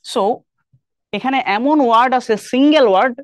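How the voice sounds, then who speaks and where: A man's voice: extremely high pitch, moderate pace, no room sound. A young man with a Bangladeshi Bengali accent teaching an online English class, explaining step by step and quizzing his students often. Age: young adult.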